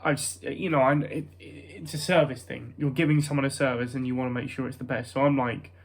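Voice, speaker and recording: Young man, British accent, nasal voice, mid-pitched, casual vlog ramble, hesitant, self-conscious. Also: fairly even intonation, fairly quick. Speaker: vlogger.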